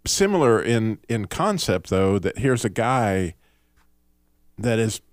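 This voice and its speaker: A man's voice: lowish voice, sing-song, slow, no room sound, studio quality. A man hosting a radio talk show who banters playfully with co-hosts and often restarts his sentences as he steers the talk. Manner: playful, joking, hesitant with many restarts. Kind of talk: casual radio host banter.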